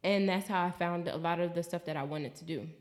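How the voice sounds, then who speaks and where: An American woman chatting casually in a travel vlog, expressive and swearing freely, acting out her own quotes. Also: fairly low pitch, brisk. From United States. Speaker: vlogger.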